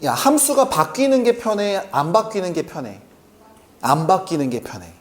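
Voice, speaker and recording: Lively male math teacher, quizzing students. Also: high-pitched. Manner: keeps checking in with quick rhetorical questions to students; answers his own questions aloud. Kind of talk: classroom math lecture.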